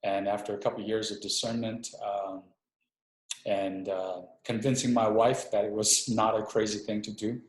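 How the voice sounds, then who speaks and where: A man's voice: on the low side, little pitch movement, normal speed. A middle-aged man from Hawaii, an Army chaplain speaking as a guest in a webinar interview, reflective and a little hesitant, often restarting his sentences. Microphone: video call. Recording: roomy echo.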